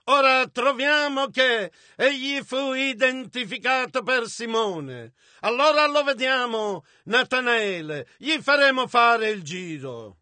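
A man interpreting a sermon with emphasis, at times breaking into shouts. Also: very high-pitched, animated, slow pace, dry recording.

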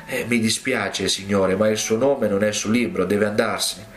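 A man's voice: lowish voice, fairly even intonation, moderate pace, natural voice. A male preacher quoting the gatekeeper of heaven in a courteous, apologetic way. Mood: polite. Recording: roomy echo.

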